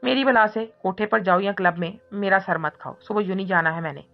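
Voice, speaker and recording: A woman voicing a feisty, defiant young heroine who snaps back with quick scolding retorts in an audiobook reading. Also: mid-range voice, gravelly, close to an everyday voice. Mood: indignant. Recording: muffled recording with soft music.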